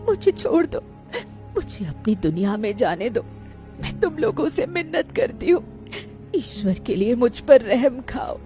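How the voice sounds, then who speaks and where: A woman's voice: a little high, very animated, a little slow, music in the background, pitched above the performer's own voice. A woman voicing a sobbing pleading mermaid. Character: gentle suffering female mermaid.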